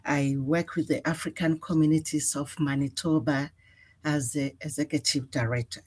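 A woman in her sixties from Ghana, answering radio interview questions in an earnest, measured way with frequent fillers. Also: low voice, steady tone, darkish tone. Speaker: executive director, guest.

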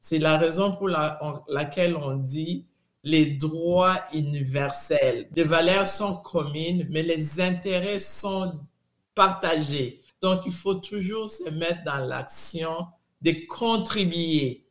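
A middle-aged woman with a Congolese French accent, speaking with deliberate emphasis and frequent restarts. Her voice carries a noticeable room echo, as if recorded in an open space. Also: deep voice. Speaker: interviewee, immigrant community advocate. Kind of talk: earnest interview answer. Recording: roomy echo.

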